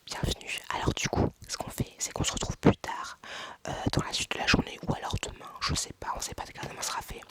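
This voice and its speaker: A woman doing a playful whispered role-play, parodying an ASMR host in a hushed voice. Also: quick pace, natural voice. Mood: teasing.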